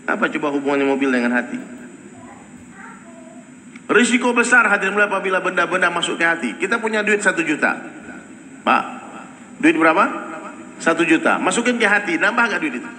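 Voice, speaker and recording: A man preaching a sermon to a congregation, animated and questioning his listeners directly. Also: sits high, brisk, pauses often. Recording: echoey hall with noise.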